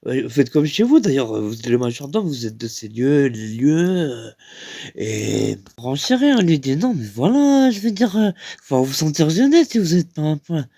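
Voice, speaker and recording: A man's voice: a little high, big pitch swings, moderate pace, mellow, dry recording, studio quality. A man with a French accent telling a rambling comic anecdote, full of hesitations and acting out other people's lines. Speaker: comic storyteller.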